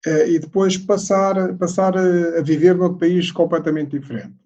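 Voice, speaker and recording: A man with a European Portuguese accent interviews a guest, his voice somewhat high. He halts and repeats words as he builds his question. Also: fairly even intonation, warm tone, highs cut off. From South Africa, then Portugal. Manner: halting, repeats words while asking.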